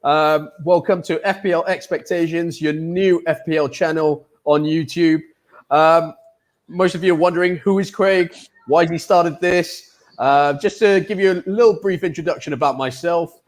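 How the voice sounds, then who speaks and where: A chatty man hosts a casual online football show in a fairly high voice. He talks in an upbeat, loose way and leans on plenty of fillers as he goes. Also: fairly even intonation, normal speed. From United Kingdom. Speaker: host and football pundit.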